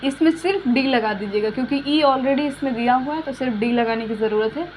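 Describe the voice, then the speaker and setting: A woman teaching a spoken English lesson, explaining verb forms slowly with many repeated examples and coughing now and then. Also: sits high, a little mellow. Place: home room with fan switched off. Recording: dull lo-fi recording with faint hum.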